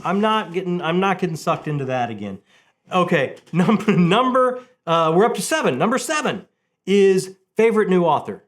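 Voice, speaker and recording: Very animated and high-voiced, a middle-aged man talks books at a normal speed as the host of a review channel. He keeps it casual and enthusiastic, repeating phrases for emphasis.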